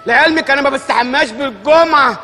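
A man's voice: very high voice, fast talker, bright, forceful tone. An actor playing a frantic, lovesick Egyptian man with a drug habit in broad TV sketch comedy. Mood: pleading. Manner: frantic and overexcited.

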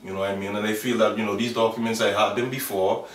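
A Bahamian man in his thirties, with a fairly low, level, slightly bright voice, is interviewed for a documentary outdoors next to a yard wall. His delivery is earnest and halting, with frequent fillers and restarted sentences. He is far from the mic, so the camera audio is echoey and off-mic, with slight background noise.

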